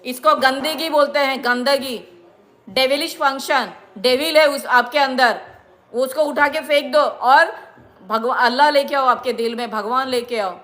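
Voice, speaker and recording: A woman's voice: high-pitched, unhurried, a bit bright. A middle-aged woman from India, lecturing her viewers in an indignant, repetitive monologue. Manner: indignant, lecturing, repeats herself. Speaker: vlogger.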